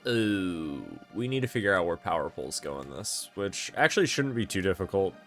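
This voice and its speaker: A man's voice: deep voice, big pitch swings, fairly quick, faint music behind. A man giving casual gameplay commentary, thinking aloud and correcting himself as he plans, sounding tired and yawning at times. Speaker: gameplay streamer.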